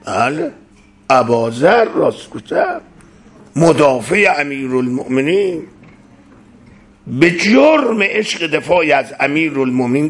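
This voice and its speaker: A man preaching a sermon, reciting verse slowly and rising to loud, impassioned exclamations. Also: on the high side.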